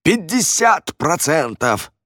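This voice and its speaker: A man voicing a brash, rude landlord on crutches who yells and pleads in a shrill voice. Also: sing-song, slow pace, no echo, clean studio sound, heavily acted. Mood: shrill, panicky.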